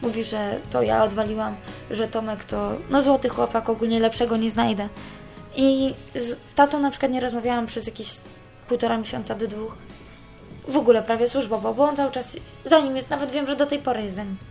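A woman's voice: on the high side, steady tone, a little fast, gravelly, a little mellow, faint music behind. A young woman giving a candid personal account, cursing freely as she talks. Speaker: interviewee.

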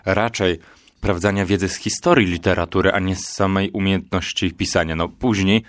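Very deep-voiced man asking questions. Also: fairly quick, dry recording. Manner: poses questions, calm and reasoned. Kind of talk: casual discussion.

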